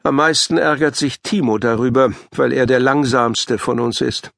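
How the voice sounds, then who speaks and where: A man's voice: medium pitch, steady tone, moderate pace, creaky, fairly bright tone, dry recording, studio quality. A man narrating a children's audiobook in the first person, telling the story as a schoolgirl. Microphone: studio microphone.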